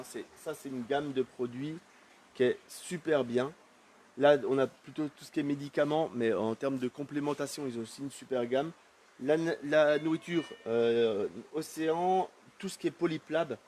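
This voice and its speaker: A man's voice: medium pitch, a little mellow, slight background noise. A man giving a casual live walkthrough of an aquarium shop, chatting loosely with plenty of fillers as he walks around. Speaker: aquarium shop tour host.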